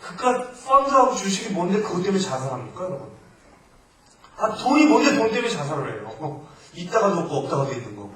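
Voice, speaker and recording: A male missionary preaching a sermon in Korean to a congregation, alternating loud emphatic exhortation with quieter asides. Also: high-pitched, sing-song, quick pace. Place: church sanctuary. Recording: echoey church hall from far off, faint noise.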